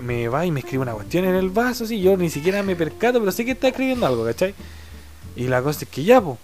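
A man in his twenties with a Chilean Spanish accent, casually telling a story and acting out the other people's voices. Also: fairly high pitch. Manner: animated, acts out other voices and sounds.

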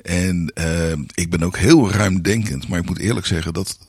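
A man's voice: sits low, moderate pace, breathy edge, dry recording, clean studio sound. A man in his sixties co-hosting a podcast in casual chat, rambling and playful with many restarts. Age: 60s. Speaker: podcast co-host.

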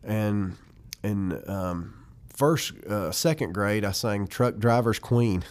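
Speaking slowly at a fairly low pitch, a forties-aged musician from Western North Carolina recalls old times in a relaxed interview. His accent is Southern Appalachian.

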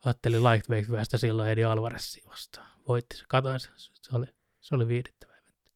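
A man casually chatting on a podcast, telling a story with animated retellings. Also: mid-range voice, dry recording, clean studio sound. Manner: animated storyteller, mimics shouting with laughs. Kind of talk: casual chat about fighting sports.

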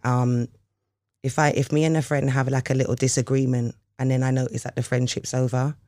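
A man's voice: mid-range voice, flat delivery, fairly quick, a little mellow, dry recording, studio quality. A man with a London roadman accent in casual conversation, repeatedly checking that the listener understands.

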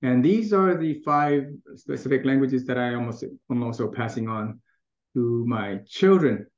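Here the guest, a middle-aged man from Taiwan, talks at a moderate pace in a mid-range voice with a darkish tone. He approaches the casual interview thoughtfully, often starting over and laughing easily. The audio is dull and lo-fi, with an echoey room.

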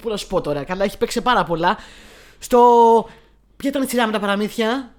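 A woman's voice: medium pitch, lively intonation, a bit bright. A woman co-hosting a casual podcast, enthusiastic and often searching for words. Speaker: podcast co-host.

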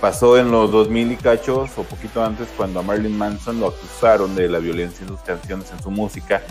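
A middle-aged man, co-hosting a casual podcast chat in an animated, slangy way. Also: a little fast, faint music behind. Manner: animated, slangy, acts out quotes in higher voices. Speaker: podcast co-host.

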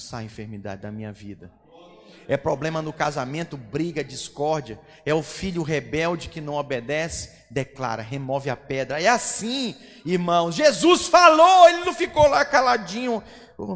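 A man preaching a Pentecostal sermon, swinging from soft asides to shouted declarations. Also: on the high side. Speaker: pastor. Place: church hall. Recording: long reverb of a church hall.

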